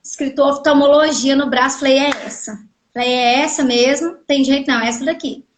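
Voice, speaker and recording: High-voiced woman from Goiás telling a story. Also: brisk, slight background noise. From Goiás, Brazil. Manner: animated, acts out quoted dialogue. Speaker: guest telling her story. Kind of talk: casual storytelling on a live stream. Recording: echoey room audio from a live stream.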